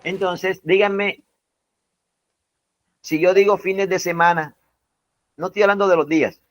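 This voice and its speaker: A man's voice: high-pitched, fairly even intonation, dry recording. A male English teacher teaching a class, repeating and stressing each word and asking students to confirm. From Colombia. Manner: slow, repetitive, stresses words one by one. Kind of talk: classroom lesson.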